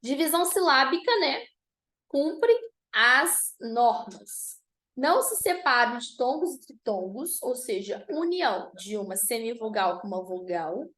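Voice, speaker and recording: In an online grammar lesson, a woman with a slightly high, somewhat bright voice and lively intonation lays out the rules. She reads the example words one after another in a slow, deliberate dictation.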